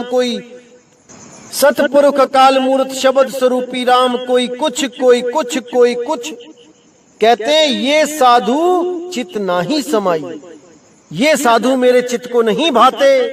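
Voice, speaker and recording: A man giving a devotional sermon as a spiritual teacher. He chants verses slowly and then explains them, calling his listeners brother. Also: very high voice, far from the mic.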